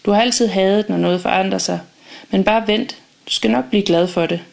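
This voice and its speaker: A woman's voice: medium pitch, gravelly, natural voice. A woman reading a teasing, confident husband. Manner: knowing, gently teasing.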